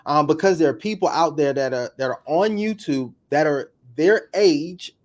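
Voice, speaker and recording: Energetic man talking fast in bursts. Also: on the high side. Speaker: guest, YouTube coach. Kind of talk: casual interview talk.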